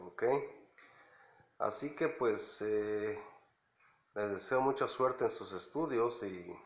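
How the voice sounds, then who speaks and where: Slow, low-voiced man teaching English. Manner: repeats phrases slowly, many fillers. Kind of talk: slow language lesson. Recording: echoey, dull lo-fi room sound.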